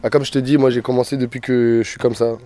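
Fast-talking young basketball player. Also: male voice, medium pitch, little pitch movement, warm tone. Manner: quick, chatty. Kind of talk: interview answers.

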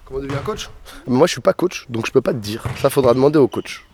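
A young man, a basketball player, answering interview questions in a quick, chatty way. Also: medium pitch, lively intonation, darkish tone, slight background noise.

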